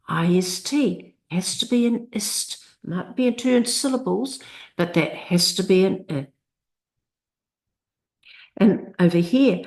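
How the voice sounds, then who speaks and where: A woman's voice: medium pitch, darkish tone. A woman teaching literacy, narrating a lesson that breaks long words into parts and sounds out each piece with care. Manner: slow, deliberate, sounds out word parts. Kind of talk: instructional screencast narration.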